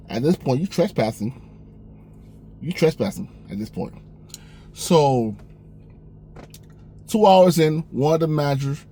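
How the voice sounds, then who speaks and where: A young man casually telling a personal story, animated, acting out the dialogue with a raised voice. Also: mid-range voice, a little hiss or hum. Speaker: storyteller vlogger.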